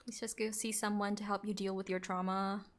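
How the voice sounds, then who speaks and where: A woman's voice: mid-range voice, level tone, a little fast. A woman guest co-streamer chatting casually, teasing her friend and laughing often. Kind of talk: casual live-stream chat.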